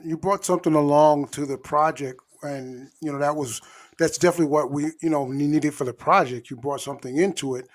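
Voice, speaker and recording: A man hosting a casual interview, affirming his guest and asking long, wandering questions. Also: on the high side. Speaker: talk show host.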